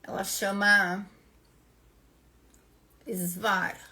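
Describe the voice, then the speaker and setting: A woman's voice: mid-range voice, flat delivery, extremely slow, bright, forceful tone. A young Brazilian woman hosting a casual live-stream lesson, chatting with viewers by name as she explains an exam. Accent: Brazilian Portuguese. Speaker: English teacher and live-stream host.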